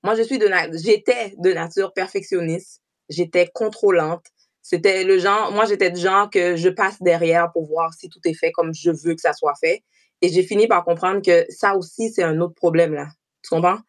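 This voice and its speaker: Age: about 40. Sex: woman. Origin: from Haiti. Pitch: fairly low. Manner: frank, thoughtful live-stream guest with "euh" fillers. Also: steady tone, moderate pace. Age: 40s. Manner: frank, reflective, many fillers. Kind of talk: casual live-stream chat.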